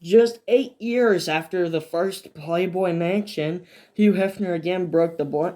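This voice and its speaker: Man narrating a history video, mellow voice. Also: fairly high pitch. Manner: reads scripted lines then adds offhand asides; fillers and restarts between points. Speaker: video essay host. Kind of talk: semi-scripted history narration.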